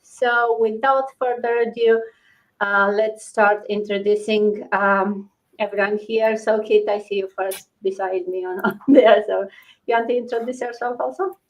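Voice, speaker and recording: A woman's voice: medium pitch, steady tone, unhurried, poor audio. A woman hosting a live online interview, welcoming her guests in a loose way with fillers. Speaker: host.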